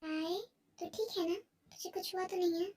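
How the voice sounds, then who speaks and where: A woman plays a caring young college friend in a fan-dubbed audio drama, concerned and chatty. Her voice is very high and mellow, with a narrow pitch range. The mic is set at a distance. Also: fairly even intonation, normal speed.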